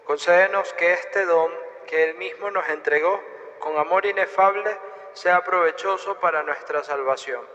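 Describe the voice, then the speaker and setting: A priest, fairly high for a man, speaks in a measured, solemn liturgical cadence. His voice carries the long echo of a large church. The recording sounds dull and lo-fi. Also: bright, forceful tone. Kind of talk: leading mass prayers and blessing. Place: church during mass.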